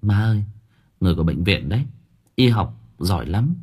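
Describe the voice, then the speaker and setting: A man voicing an eager, anxious young woman who talks in quick, flustered bursts. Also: fairly low pitch, animated, darkish tone, breathy edge.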